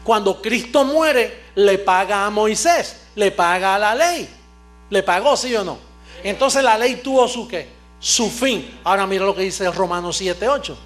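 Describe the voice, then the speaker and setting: A man preaching a televised sermon, emphatic, asking his audience questions and answering them himself, swinging from low asides to shouting. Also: a little slow, faint music behind.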